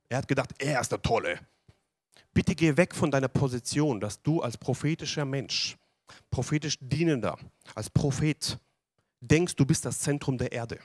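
A man preaching a sermon to a congregation, animated and asking them questions. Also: medium pitch, no echo. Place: church hall with audience.

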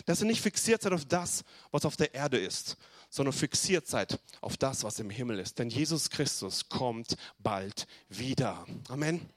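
A man preaching a sermon to his congregation, reading scripture slowly and swinging from soft and low to loud, urgent calls. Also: big pitch swings, dry recording, studio quality. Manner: reads scripture slowly with emphasis, talks to the congregation directly. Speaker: pastor.

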